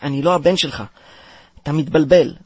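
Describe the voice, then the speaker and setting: A man's voice: fairly high pitch, slightly rough, no echo, muffled recording. An actor playing a hesitant young man in a comedy sketch, stammering and apologetic.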